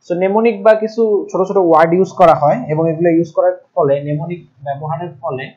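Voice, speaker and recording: A young man teaching programming, explaining step by step and pausing to write things out and correct himself. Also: a little high, darkish tone. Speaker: ICT teacher. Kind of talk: recorded classroom lecture. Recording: dull lo-fi recording.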